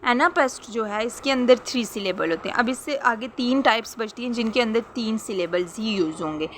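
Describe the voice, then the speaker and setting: A woman's voice: fairly high pitch, fairly quick, slight background noise. A young woman teaching a lesson, explaining patiently, repeating points and checking that listeners understand. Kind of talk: explanatory lesson in Hindi-Urdu with English terms.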